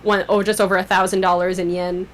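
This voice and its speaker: A woman's voice: fairly low pitch, flat delivery, fast talker, slight background noise. A young woman, a podcast guest chatting casually, rambling with lots of "like" and frequent laughs. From Canada. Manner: rambling, laughs often, fillers like "like". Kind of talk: casual chat.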